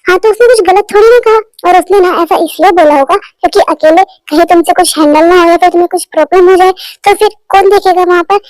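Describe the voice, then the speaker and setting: A woman voicing a calm, patient middle-aged father in an amateur fan dub, soothing and reasoning. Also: extremely high pitch, fast talker, no room sound, rough recording. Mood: reassuring.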